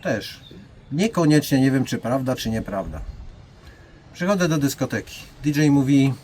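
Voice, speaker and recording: A man's voice: medium pitch, very animated, normal speed, a little mellow, slight background noise. An older man, a martial arts master, telling blunt anecdotes and speaking directly to his listeners. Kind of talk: storytelling monologue.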